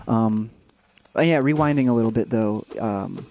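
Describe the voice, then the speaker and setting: A man's voice: fairly low pitch, moderate pace, warm tone, slight background noise. A young adult man streaming a video game, chatting casually and rambling with lots of fillers and restarts. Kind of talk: casual let's-play chat.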